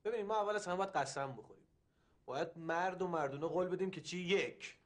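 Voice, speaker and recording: A man's voice: sits high, lightly acted. An actor playing an eager man full of plans, in a TV drama. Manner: eager, planning. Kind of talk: TV drama acting.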